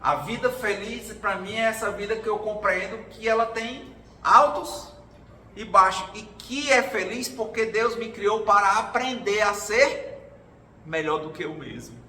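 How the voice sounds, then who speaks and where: This is an informal talk at a spiritual gathering where a man relates personal stories, dramatizing the voices of others along the way. He is high-pitched and speaks at a measured pace, his tone pushed and bright. A distant mic in a roomy hall picks him up, with slight noise.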